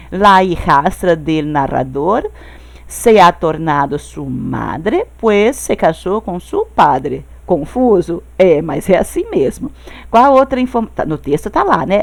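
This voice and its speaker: Uma professora brasileira de espanhol, que explica devagar e sempre confere com os alunos. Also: female voice, mid-range voice, vocal fry, darkish tone. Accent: Brazilian Portuguese. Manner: explains slowly, checking with "tá certo?". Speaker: Spanish teacher. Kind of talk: recorded online class.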